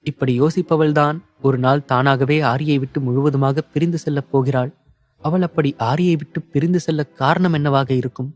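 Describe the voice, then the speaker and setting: A man reading an audio novel as narrator in a steady, measured storytelling manner. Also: on the high side.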